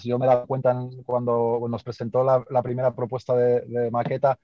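A man on a video call, talking thoughtfully about his photographs and often pausing to search for words. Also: mid-range voice, warm tone, dry recording, muffled recording. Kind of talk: reflective video call conversation.

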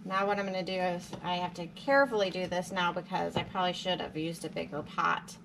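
Filmed by a camera set above her stove and counter, this woman speaks fairly quickly in a lowish voice over background noise. She's a homesteading vlogger and home cook, chatting practically and thinking aloud while she cooks at home.

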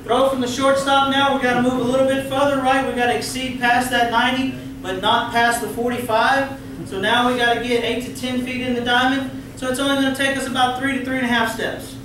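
A man's voice: extremely high pitch, flat delivery, fairly quick, noisy background. Texan man lecturing in an echoey hall. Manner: coaching, asks the room questions, folksy jokes. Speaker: umpire clinic presenter. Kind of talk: training lecture to umpires. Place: large meeting room with projector screen. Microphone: far room camera, no mic seen. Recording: very echoey room from far off.

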